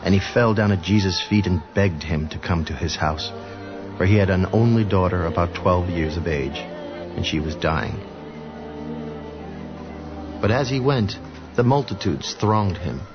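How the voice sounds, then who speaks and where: A man narrating scripture in a steady, even storytelling way. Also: low-pitched, unhurried, long pauses. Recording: dull lo-fi audio with music behind.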